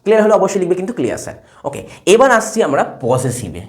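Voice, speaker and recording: A man's voice: sits high, fast talker. A man teaching English grammar at a whiteboard, explaining step by step and checking again and again that his students follow. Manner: lively, asks checking questions again and again. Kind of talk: classroom lesson at a whiteboard.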